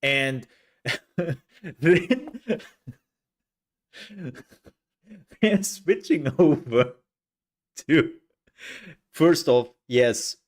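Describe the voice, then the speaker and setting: A man's voice: medium pitch, lively intonation, drawn-out words, long pauses. A man streaming a farming game live, chatting casually and telling a rambling story with laughs.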